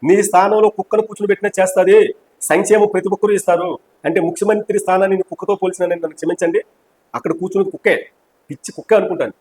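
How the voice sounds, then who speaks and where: A man's voice: sits high, fairly even intonation, very fast, a little mellow, low-quality recording. A man in a heated political interview, speaking as an opposition party member in a fiery, mocking and combative way.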